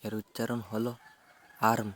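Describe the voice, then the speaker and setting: A man teaching vocabulary, spelling out English words letter by letter and giving their Bengali meanings in a measured, even way. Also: mid-range voice.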